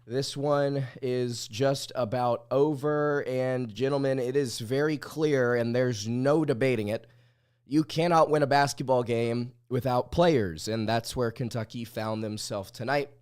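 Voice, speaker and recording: A man's voice: mid-range voice, steady tone, unhurried, a little mellow, clear, resonant tone. Male sports livestream host, mid-range voice, under the weather, blunt opinionated commentary. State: under the weather, sick-sounding voice. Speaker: podcast host.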